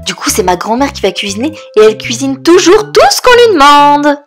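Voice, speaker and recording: Woman playing small girl pig, cartoon toy play, high, lively, bossy, chatty. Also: fairly quick, faint music behind. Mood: eager. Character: bossy, reassuring little girl piglet.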